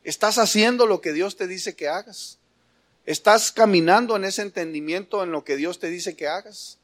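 A man's voice: high voice, normal speed. A man preaching a sermon, firing rhetorical questions at the congregation and calling them brother, building to emphatic passages. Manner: rises to emphatic, louder preaching.

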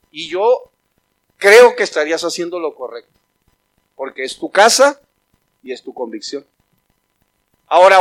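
A man preaching a sermon as a pastor, talking conversationally and rising loudly when he quotes God calling out names. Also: high voice.

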